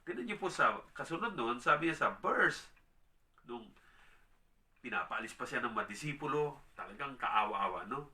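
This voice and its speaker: A man preaching in a Bible teaching style, tagging his sentences with questions and slowing down to read scripture. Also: medium pitch, animated, pushed and bright, far from the mic. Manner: tag questions, reads scripture slowly, dramatizes quotes.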